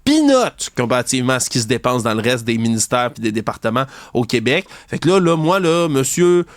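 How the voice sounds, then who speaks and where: Very animated and a little fast, a Québécois French-speaking host rants about a news story on his commentary show. His indignant, sarcastic delivery includes mocking opponents in high voices. The sound is clean studio audio without echo.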